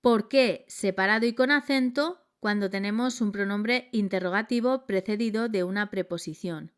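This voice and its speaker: A woman reading a scripted grammar lesson in a measured, clear delivery. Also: medium pitch. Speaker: grammar teacher.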